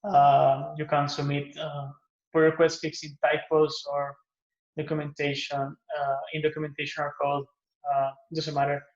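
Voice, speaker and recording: A man from Guatemala gives a recorded pitch for an open source project he maintains, talking in a relaxed way with many "uh" fillers and restarts. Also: normal speed. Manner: relaxed, with frequent "uh" and "um" fillers and self-repairs. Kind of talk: recorded conference pitch talk. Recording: echoey, muffled lo-fi room recording.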